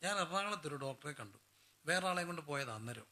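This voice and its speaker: A man's voice: on the high side, expressive, fast, bright, forceful tone. A man preaching a sermon. He keeps putting questions to the congregation and answering them himself.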